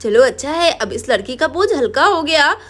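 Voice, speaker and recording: A woman's voice: high voice, big pitch swings, moderate pace, a bit bright, voice pushed down. A woman doing a sly scheming village mother.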